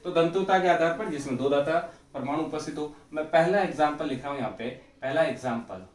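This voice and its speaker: A man's voice: on the high side, fairly quick. A male chemistry teacher giving a classroom lecture, asking questions and answering them himself and repeating key terms. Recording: echoey room, mic far off.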